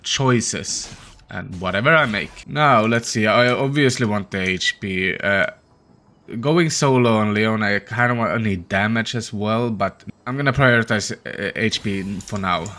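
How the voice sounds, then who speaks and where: Low, bright-voiced man doing gameplay commentary. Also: a little slow. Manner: opens with a put-on peppy intro voice; tired, low-energy, thinking aloud. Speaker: host of a gaming channel.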